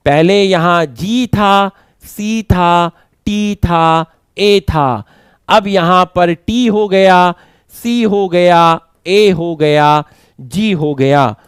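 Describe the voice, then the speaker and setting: A man teaching biology, slowly dictating and repeating phrases for students to write down, mixing terms into his talk. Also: sits high, clear, resonant tone, no room sound. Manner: repeats phrases slowly for note-taking, mixes English terms. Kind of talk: lecture, dictating notes.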